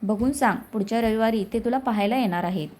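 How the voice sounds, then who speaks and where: Brief: woman storyteller voicing a brisk middle-aged uncle, storybook reading. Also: fairly high pitch, darkish tone, close to an everyday voice. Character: middle-aged man, the maternal uncle, matter-of-fact.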